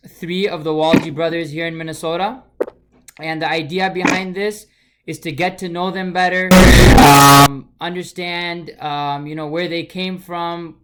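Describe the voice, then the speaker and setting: A man hosting a livestream interview, talking in a relaxed, halting way with many pauses and fillers. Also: fairly high pitch, slight background noise. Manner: relaxed, hesitant, many ums. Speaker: host. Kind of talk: casual livestream introduction.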